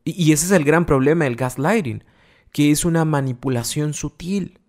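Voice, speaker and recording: A man's voice: on the high side, normal speed. A man giving an informal, explanatory talk on relationships, speaking conversationally with frequent restarts. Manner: conversational, explains patiently with many restarts and everyday examples.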